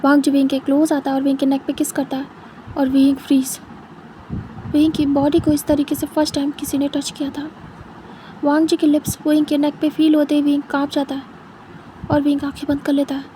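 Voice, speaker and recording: Woman reading out a fanfic story, high voice, lots of traffic noise behind. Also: monotone, brisk, mellow. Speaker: fanfiction narrator. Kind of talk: storytelling narration.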